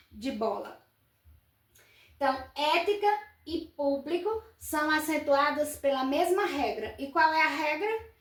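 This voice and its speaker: A woman's voice: sits high, fairly bright tone, distant mic. A woman teacher working through grammar exercises, patiently asking and answering her own questions. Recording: echoey room, voice set back from the mic.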